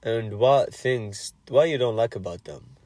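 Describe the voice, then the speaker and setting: A man's voice: medium pitch, unhurried, darkish tone, dry recording. A man in his twenties from Algeria, chatting with strangers online in a blunt, curious way and swearing freely. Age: 20s. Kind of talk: casual chat.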